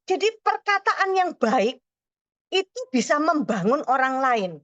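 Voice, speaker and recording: A woman's voice: high voice, very animated, measured pace, a bit bright, dull audio. A woman giving a chatty morning devotional talk, telling personal stories and often adding little tag phrases. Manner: chatty, repeats "gitu ya" and "saudara", tells personal stories. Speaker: morning prayer speaker.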